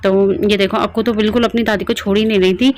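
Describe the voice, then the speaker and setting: A woman's voice: mid-range voice, fairly even intonation, fast talker, slight background noise. A young woman from Garhwal in the hills of northern India, chatting through a home vlog with lots of fillers. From Garhwal, Uttarakhand. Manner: chatty, rambling, many fillers. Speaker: vlogger. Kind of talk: casual vlog narration. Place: home kitchen.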